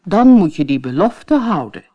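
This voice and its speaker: A woman voicing a stern, fatherly king in a storybook reading, firm and measured. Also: on the low side, very animated, highs cut off.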